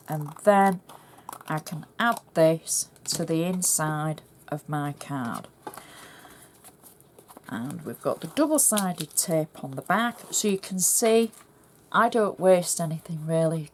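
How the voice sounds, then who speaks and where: A woman's voice: low-pitched, a little hiss or hum. A middle-aged woman with a Yorkshire accent, chatting through a cardmaking tutorial and explaining each step as she works. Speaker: craft tutorial host.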